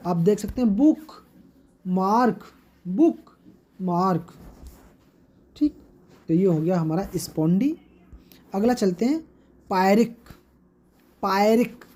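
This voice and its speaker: A woman teacher with an Indian English accent, giving an exam-prep lesson and repeating each term slowly for her students. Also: mid-range voice, mellow.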